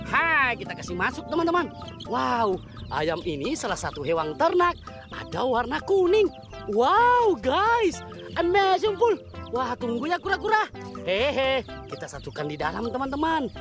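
A vlogger giving excited outdoor commentary while wading in a muddy pond, full of chanted exclamations and constant calls to the viewers, dropping to a hush when asking for quiet. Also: mid-range voice, moderate pace, faint music behind. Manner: keeps addressing viewers as "guys" and "friends". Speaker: fishing and animal-catching vlogger.

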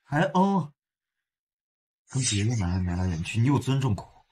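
A man playing a proud, jealous, domineering husband in a short melodrama, with a husky voice. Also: medium pitch, big pitch swings, moderate pace, darkish tone. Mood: jealous anger. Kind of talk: melodramatic short-drama acting.

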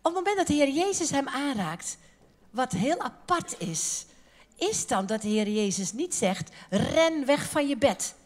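A woman preaching a sermon at a women's conference, lively and joking, talking casually and acting out the people she quotes. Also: high voice, a little slow. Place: church conference hall.

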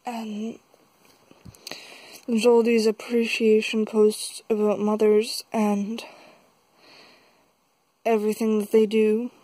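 Slow, tearful young woman, as if after crying. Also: on the high side, monotone, dark tone, no echo. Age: young adult. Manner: halting, slow, with long pauses. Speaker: vlogger. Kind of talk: confessional vlog, casual talk. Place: small dim room indoors. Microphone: phone held close.

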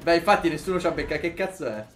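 A young man with an Italian accent giving excitable, swear-laden commentary while playing a co-op game. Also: a little high, rapid-fire. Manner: excitable, swears, jumps between loud outbursts and mutters. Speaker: gaming YouTuber. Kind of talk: casual gameplay commentary.

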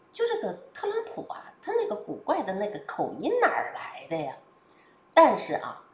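Lively woman with a twang. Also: fairly low pitch, vocal fry, slight background noise. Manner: lively, chatty, colloquial, with frequent hesitations. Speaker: political commentator. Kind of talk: casual spoken commentary. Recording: roomy echo.

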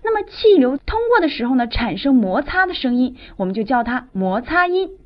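A woman with a high, animated voice teaches a phonetics class. She explains each point patiently, with drawn-out particles like a teacher at the board. The recording sounds dull and lo-fi. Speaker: English teacher.

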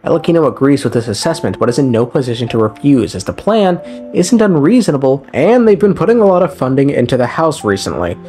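A young man narrates a game lore recap, casual in tone but clearly scripted, and he moves at a quick pace. His voice sits mid-pitch and bounces lively up and down, peppered with dry, slangy, irreverent comments, while faint guitar plays in the background.

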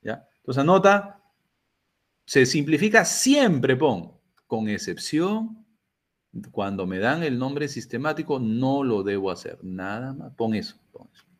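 A man's voice: mid-range voice, sing-song, measured pace. An older man with a Peruvian Spanish accent teaching a chemistry class, asking students questions and answering them himself. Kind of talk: classroom lecture.

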